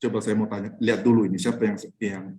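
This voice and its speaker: A man's voice: lowish voice, little pitch movement, quick pace, a little mellow, slight background noise. A man who is a pastor teaching a casual Bible study, blunt and full of rhetorical questions to his listeners. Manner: chuckles between points. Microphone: online class recording.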